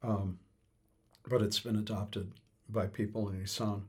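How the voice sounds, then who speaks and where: A man's voice: lowish voice, little pitch movement, a little slow, breathy edge. A man explaining music thoughtfully in conversation, hesitant with many fillers and restarts. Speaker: interviewee on music.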